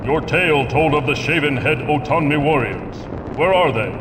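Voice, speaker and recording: An actor playing a proud, commanding Aztec holy warrior in a video game, making righteous, imperious declarations in archaic formal speech. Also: male voice, on the high side, normal speed, recorded from a distance, noisy background, close to an everyday voice. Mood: stern, demanding.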